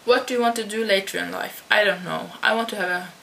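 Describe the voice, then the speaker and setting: A teenage girl from the Netherlands, a vlogger, talks casually into her computer webcam at home while answering a tag. Her mid-range voice is creaky and a bit bright, and she speaks slowly and haltingly with many restarts. A computer fan hums faintly behind her.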